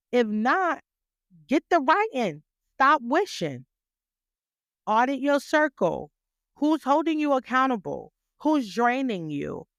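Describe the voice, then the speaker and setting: This podcast host's motivational talk leans on emphatic rhetorical questions, one after another, and phrases she repeats for emphasis. Her slightly high, fairly bright voice is smooth and clear, graceful yet stern when she's serious, and she takes her time, speaking with deliberate slowness. It's a close, dry recording.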